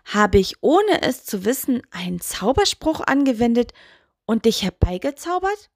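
A woman's voice: fairly high pitch, big pitch swings, a little slow, no echo, studio quality, exaggerated voice. A woman doing a flustered little witch. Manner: questioning, exasperated.

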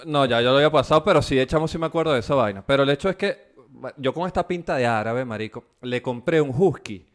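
A man's voice: medium pitch, fast talker. A man with a Venezuelan accent, chatting casually as a podcast co-host, telling stories with acted-out voices and frequent laughter. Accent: Venezuelan Spanish. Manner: animated storyteller, acts out voices and laughs often. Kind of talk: casual chat.

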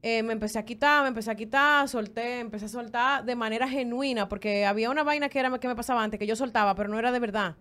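A woman's voice: fairly high pitch, quick pace, hardly any pauses, fairly bright tone. A woman with a Dominican Spanish accent, co-hosting a casual chat in a blunt, frank way. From Dominican Republic. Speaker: podcast co-host.

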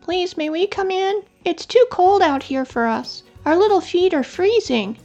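An older woman doing a small cold bird in a storybook, her voice raised high and plaintive. It begs politely and pitifully. Soft music plays faintly underneath. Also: unhurried. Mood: pleading. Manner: pleading, plaintive. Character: shivering small bird begging shelter.

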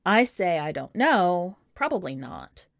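A podcast host reads aloud a first-person short story with a wry, conversational and emphatic delivery. Her voice is on the low side and gravelly, swinging widely in pitch at an unhurried pace. The recording is dry, with clean studio sound.

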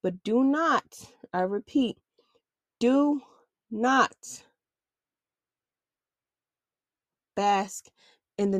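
A woman's voice: mid-range voice, darkish tone, dry recording, studio quality. A woman hosting a self-help podcast, talking candidly and casually with slang. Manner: candid, conversational, uses slang. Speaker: podcast host.

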